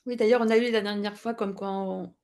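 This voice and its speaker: A woman's voice: mid-range voice, steady tone, brisk, a little mellow. Chatty woman, casual talk. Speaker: co-speaker. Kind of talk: casual chat.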